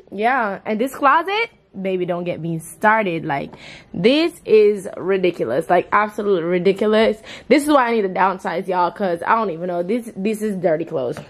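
A woman's voice: mid-range voice, animated, moderate pace, a bit bright. A young woman chatting casually to her viewers as she cleans and sorts things in her bedroom, exclaiming as she goes. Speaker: vlogger. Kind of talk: casual chat. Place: bedroom at home. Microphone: camera on the bed.

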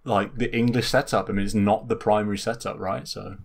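A man with a fairly low voice chats as host of a casual gaming podcast. He talks enthusiastically and loosely, full of "like" and "I feel like". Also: fairly even intonation, a little fast, creaky. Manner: chatty and enthusiastic, many fillers.

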